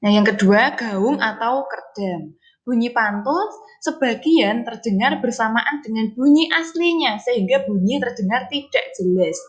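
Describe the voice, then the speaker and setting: A woman's voice: a little high, unhurried. An elementary school teacher, a woman, giving an online science lesson to children, repeating key points and asking her pupils questions.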